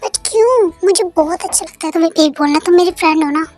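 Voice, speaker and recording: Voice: very high voice, quick pace, darkish tone. A young performer voicing a playful, protective young man who coaxes and teases his friend in a fan-dubbed audio story. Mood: coaxing. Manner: coaxing, teasing.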